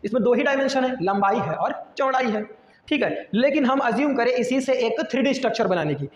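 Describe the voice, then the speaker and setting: A man's voice: extremely high pitch, expressive, fairly quick. A man teaching a math lesson, often putting a question to the class and then answering it himself. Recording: echoey room with long reverb.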